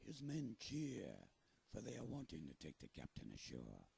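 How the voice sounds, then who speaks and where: A man's voice: lowish voice, huge pitch swings, moderate pace, warm tone. A man telling a story as a pirate sailor, drawling theatrically and chuckling between lines. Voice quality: gravelly, husky. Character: old sea pirate sailor narrating his tale.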